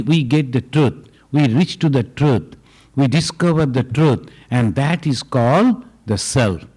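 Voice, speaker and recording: A man, a swami, answering questions at a retreat in a slow, deliberate way, often chuckling as he explains. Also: on the high side, a little mellow. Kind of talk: spiritual Q&A talk. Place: retreat gathering hall.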